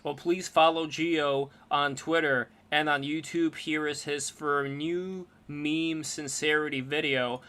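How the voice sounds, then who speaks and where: Male stream host, a bit higher pitched, hype-man promo energy. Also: fairly even intonation, takes it slowly, hardly any pauses, bright, forceful tone. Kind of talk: casual livestream chat.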